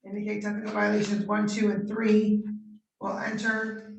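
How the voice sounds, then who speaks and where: A woman judge conducting formal court proceedings in measured, procedural questions, heard on a courtroom recording. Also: mid-range voice, monotone, vocal fry. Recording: roomy courtroom audio from a distant mic.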